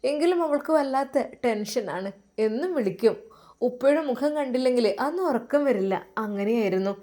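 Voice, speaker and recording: A woman's voice: on the high side, lively intonation, normal speed, warm tone. A woman narrating a religious family story in an earnest, emotive way.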